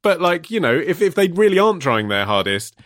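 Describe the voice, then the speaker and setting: A man in his thirties chatting casually on a podcast, telling stories with animated delivery and frequent laughter. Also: a little high, a little fast, no echo, clean studio sound. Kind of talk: casual chat.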